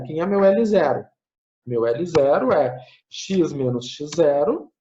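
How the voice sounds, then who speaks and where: A man teaches a math class, walking through each step aloud and correcting his own slips. His voice swings up and down with animated intonation. The recording is muffled and lo-fi. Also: on the high side. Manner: thinks aloud, tags phrases with "né?", corrects himself. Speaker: math lecturer.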